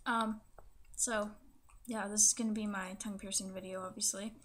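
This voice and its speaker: Bright young woman with a fresh tongue piercing. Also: medium pitch, little pitch movement, normal speed. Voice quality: speech slightly affected by a new tongue piercing. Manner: hesitant, filler-heavy, peppered with "like". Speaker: vlogger. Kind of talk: casual chat to camera. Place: small room indoors.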